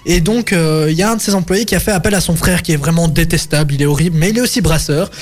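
A man's voice: on the high side, fast talker. Young man rambling on radio. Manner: rambling, stumbling over words, laughs often. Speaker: radio co-host. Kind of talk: casual radio chat.

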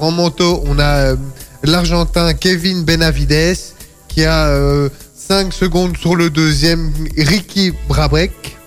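A man co-hosting a radio show, reading race results hesitantly with many fillers. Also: on the high side. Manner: hesitant, many fillers, stumbling over names. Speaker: radio co-host.

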